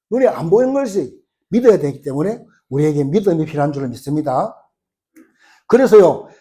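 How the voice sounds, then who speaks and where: A middle-aged male pastor preaching a sermon, telling the story with lively acted-out dialogue. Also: high-pitched. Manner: animated storytelling, acting out the quoted lines.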